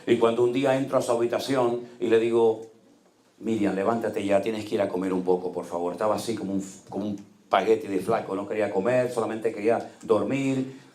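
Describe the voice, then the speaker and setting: A middle-aged man, a pastor, preaching a sermon and telling personal stories, swinging from loud exclamations to hushed quiet. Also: fairly low pitch, reverberant.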